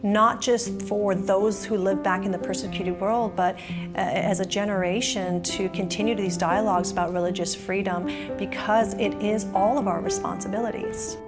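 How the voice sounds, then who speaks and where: A woman's voice: mid-range voice, fairly even intonation, moderate pace. A woman from Afghanistan speaking earnestly and reflectively as a business owner and nonprofit director in a documentary. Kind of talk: documentary testimony over music. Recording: voice-over with music behind.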